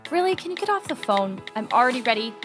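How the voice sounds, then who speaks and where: A man's voice: very high voice, big pitch swings, quick pace, voice pushed up. A man voicing an impatient wife who nags her husband in a comedic ad skit. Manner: exasperated nagging. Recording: music bed loudly underneath.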